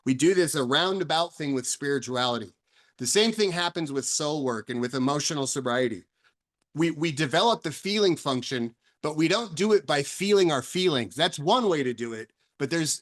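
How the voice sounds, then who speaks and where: Guy doing a reflective talk, bit higher voice, keeps restarting and repeating words, earnest. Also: a bit bright. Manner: personal and searching, asks questions aloud. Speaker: author and speaker on recovery.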